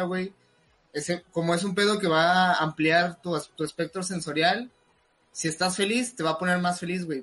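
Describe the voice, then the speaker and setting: High-voiced Mexican man explaining. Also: a bit bright. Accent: Mexican Spanish. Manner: explaining, slangy. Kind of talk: casual chat.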